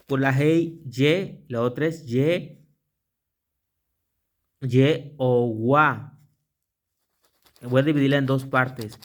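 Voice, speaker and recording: A man teaching a lesson, slowly spelling out letters and repeating them, with halting restarts as he writes. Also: medium pitch. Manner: slow, repetitive, spelling out letters aloud; halting, with restarts while drawing. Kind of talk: explanatory lesson on pronunciation.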